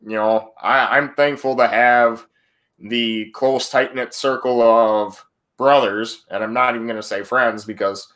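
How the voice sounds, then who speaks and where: A man's voice: medium pitch, steady tone, measured pace, fairly bright tone. A man hosting a casual podcast, talking in a friendly, rambling way and often correcting himself. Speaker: podcast host. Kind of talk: casual chat.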